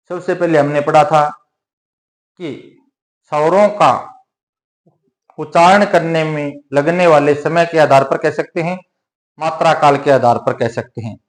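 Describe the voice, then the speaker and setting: Male teacher on the higher side, drilling students by posing questions and repeating the answers. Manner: repetitive, asks questions and answers them himself. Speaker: Hindi grammar teacher. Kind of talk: classroom-style lesson.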